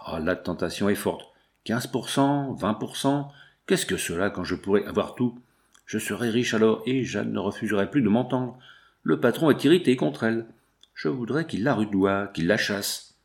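A man's voice: fairly low pitch, moderate pace, vocal fry, darkish tone. A man voicing a greedy, scheming foreman in an audiobook, brooding and muttering.

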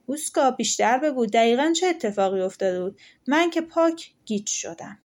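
A woman voicing a domineering village lord who shouts his commands in a folktale audiobook. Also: high voice, animated. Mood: baffled. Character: angry village lord, middle-aged man, domineering.

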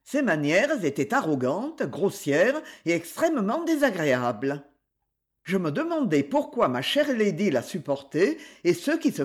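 A woman's voice: medium pitch, a little mellow. A woman narrating a classic mystery story in a scripted reading style. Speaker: audiobook narrator.

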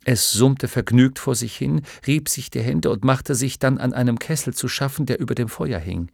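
A man narrating an audiobook in a measured storytelling manner, recorded on a studio microphone. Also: mid-range voice, creaky, a little mellow, dry recording. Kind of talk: scripted narration.

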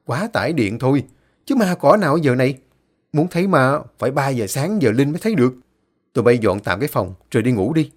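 A man's voice: mid-range voice, lively intonation, brisk, natural voice. A man voicing a blunt, scolding older uncle who is an exorcist. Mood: gruff.

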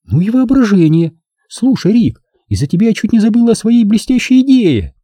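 A jealous, sharp-tongued young woman, high and shrill, full of sarcasm and accusation, as a male audiobook reader puts her on. The voice swings widely in pitch yet keeps a dark, husky grain. It sits close and dry, with no room around it. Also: big pitch swings, fairly quick, no echo, full character voice. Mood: indignant. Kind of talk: audiobook reading.

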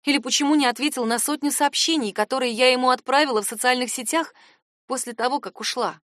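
A woman's voice: high-pitched, quick pace, fairly bright tone, no echo, studio quality. A woman narrating a first-person story in a sarcastic, exasperated tone.

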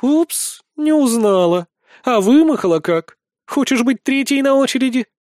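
A fierce succubus swordswoman from a storybook, mocking and vulgar, her taunts pitched up high and pushed out loud, as a male narrator puts her on. The voice sounds dry and close. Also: animated, a little slow, no room sound. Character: fierce, crude succubus warrior woman, adult.

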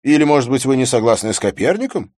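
Man doing a high, loud, eloquent debater in a storybook reading: lecturing, sure of himself, husky edge, very lively. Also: quick pace, no echo, studio quality. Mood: confident arguing. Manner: calm, forceful, lecturing. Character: eloquent confident young male debater. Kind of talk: audiobook character reading.

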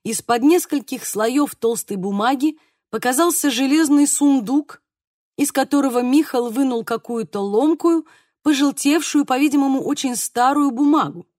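A woman narrating an audiobook in an expressive, animated way. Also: high voice, normal speed, no room sound, clean studio sound.

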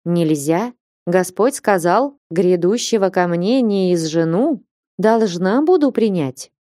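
A calm, cold elderly abbess answers in even, measured words. A woman voices her in a storybook reading, with a mellow, dry tone. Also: lowish voice, no room sound.

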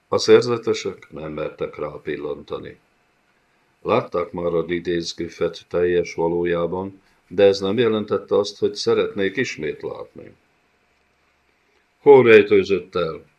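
A man narrating an audiobook in a measured, dramatic reading style, in a dull lo-fi recording. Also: deep voice, darkish tone.

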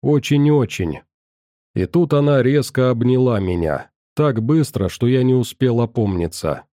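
Male audiobook narrator; calm, dark, dry studio read. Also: medium pitch, moderate pace, dry recording. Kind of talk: scripted first-person audiobook narration.

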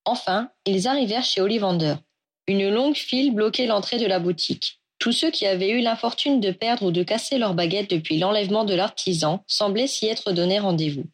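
A woman reads a story aloud at a steady pace. Her voice sits at a middle pitch. The telling stays even and clear. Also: fairly quick. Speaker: reader. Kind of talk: audiobook reading of fan fiction.

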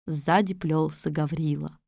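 A woman narrating a fairy-tale audiobook in a lively, expressive way. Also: low-pitched, unhurried, vocal fry, no echo, clean studio sound. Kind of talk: scripted storybook narration.

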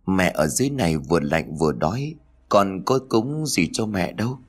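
A man's voice: low-pitched, expressive, moderate pace, breathy edge. A man reading a ghost story voices a weak, starving old mother who pleads for food and later returns as a ghost. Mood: eerie.

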